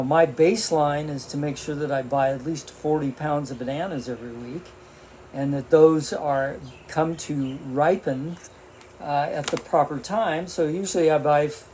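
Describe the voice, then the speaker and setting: A man's voice: a little high, darkish tone, a little hiss or hum. A man in his seventies talking casually to a vlog camera, rambling with lots of fillers and restarts. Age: 70s. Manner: talking with his mouth full while eating. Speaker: vlogger.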